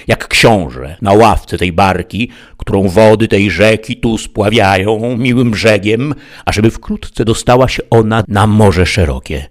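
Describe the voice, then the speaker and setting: A man's voice: lowish voice, pitched above the performer's own voice, lightly acted. A man voicing a pompous, learned old knight in an audiobook, with a grandiloquent, lecturing manner. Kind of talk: audiobook character reading.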